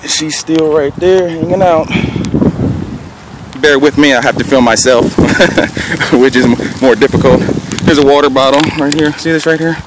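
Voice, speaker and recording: A man's voice: on the high side, moderate pace. A man filming himself in an open park, narrating dog training in a casual instructional way and calling out short, firm commands. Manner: calls out short firm commands between explanations. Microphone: handheld camera held by the speaker. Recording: noisy outdoor handheld camera audio. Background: outdoor ambient noise.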